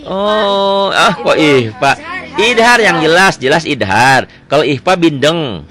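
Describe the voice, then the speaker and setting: A man teaching Quran recitation rules one-on-one, quizzing his student with quick repeated questions. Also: fairly high pitch, animated, a crowd in the background. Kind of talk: one-on-one tajwid lesson.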